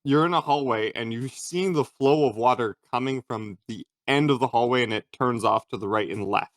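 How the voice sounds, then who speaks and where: A man's voice: mid-range voice, normal speed, no echo, clean studio sound. A man narrating a tabletop game as game master, laughing often while describing scenes.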